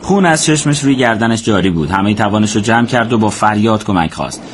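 A man narrating a war story as scripted audiobook narration, in a steady, measured way. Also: fairly low pitch, slight background noise.

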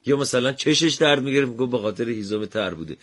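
A man hosting a show with bantering, conversational studio presentation. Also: medium pitch. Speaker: radio show host.

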